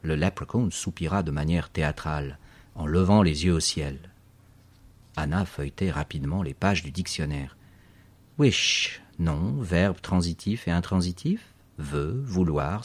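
A man narrating an audiobook, reading expressively and slowing to spell out words. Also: low-pitched, animated, darkish tone, breathy edge.

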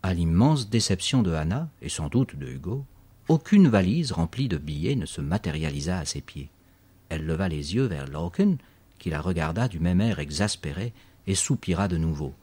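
Very deep, husky male narrator. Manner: expressive reading, spells words out slowly. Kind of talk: audiobook narration.

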